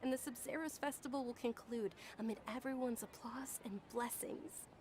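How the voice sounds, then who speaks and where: An actress voicing a hopeful, sincere young woman organizing a festival in a dubbed game, soft and heartfelt. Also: fairly high pitch, normal speed, slight background noise, natural voice.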